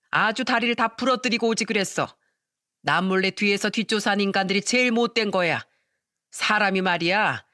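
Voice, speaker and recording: A woman's voice: medium pitch, a bit bright, no room sound, clean studio sound, close to an everyday voice. A woman voicing a fiery, protective mother. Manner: indignant and blunt. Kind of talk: scripted audio drama.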